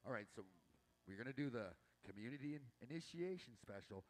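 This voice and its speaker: A man's voice: mid-range voice, animated, brisk. A man emceeing a powwow from an outdoor announcer's booth, making casual, informal announcements and draw calls.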